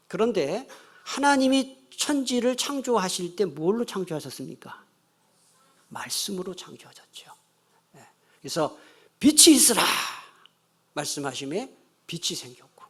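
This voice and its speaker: A man's voice: high-pitched, creaky. A man, the pastor, giving a sermon and telling a funny story while asking the congregation questions. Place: church sanctuary.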